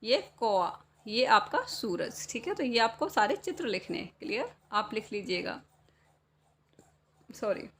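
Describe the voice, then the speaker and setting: A woman's voice: fairly high pitch, sing-song, a bit bright, slight background noise. A woman teacher explaining a children's Hindi workbook, asking questions and answering them herself. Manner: slow, patient, asks and answers her own questions.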